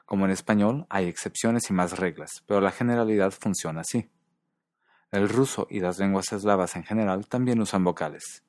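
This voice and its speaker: A man narrating a scripted language lesson in a calm, measured way, carefully pronouncing foreign example words. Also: low voice, no room sound, clean studio sound.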